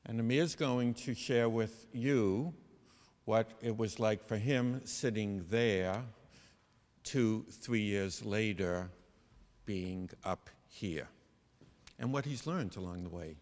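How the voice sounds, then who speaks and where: A man's voice: lowish voice, takes it slowly, darkish tone. A man acting as master of ceremonies, formally introducing speakers at an event. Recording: reverberant hall.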